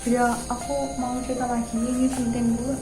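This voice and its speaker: Female night-vlog host, nervous and hesitant, slightly high voice, music clearly behind her. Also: little pitch movement, brisk, low-quality recording. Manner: nervous, hesitant, repeating words. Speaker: vlog host exploring empty houses. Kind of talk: casual night exploration vlog.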